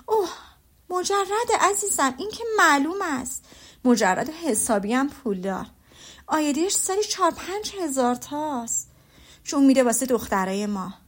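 A woman voicing an excitable middle-aged mother who talks eagerly and insistently. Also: sits high. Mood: gushing.

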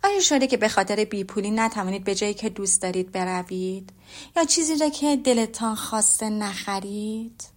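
A woman reading the lines of a witty, teasing young lady in a storybook, with an ironic, lively manner. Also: medium pitch, close to an everyday voice.

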